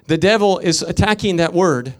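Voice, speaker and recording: A male pastor preaches a sermon in a high, expressive voice at a moderate pace. He swings from loud, emphatic peaks to quiet storytelling, using rhythmic repetition.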